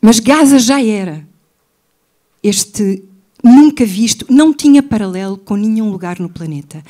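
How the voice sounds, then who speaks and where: Intense Portuguese-accented woman, mellow tone. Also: on the high side. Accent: European Portuguese. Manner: intense, emphatic, repeats key phrases for weight. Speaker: guest writer and journalist. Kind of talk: impassioned interview talk.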